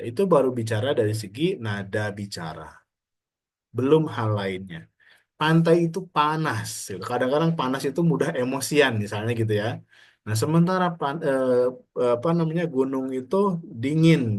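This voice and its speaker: A man from Indonesia giving a conversational university lecture, often asking his students rhetorical questions. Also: mid-range voice. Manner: frequent Indonesian fillers and restarts. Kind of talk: classroom lecture.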